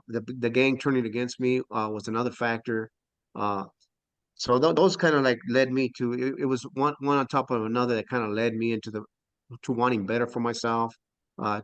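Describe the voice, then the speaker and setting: A middle-aged man answering interview questions as a podcast guest, halting and reflective. He fills gaps with frequent "uh" sounds and restarts his sentences. His voice is recorded close and dry, with no room sound. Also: mid-range voice, a bit bright, no room sound. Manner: halting, many "uh" fillers and restarts. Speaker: podcast guest recently released on parole.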